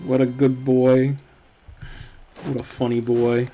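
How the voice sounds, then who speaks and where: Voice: mid-range voice, level tone, slow pace, dark tone, faint music behind. A streamer giving casual, joking and profane commentary while playing a game. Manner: joking, profane, teasing the characters.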